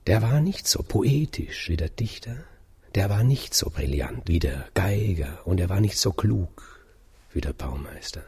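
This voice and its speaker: Male storyteller, fairy tale, very deep voice, gravelly, husky, calm measured telling.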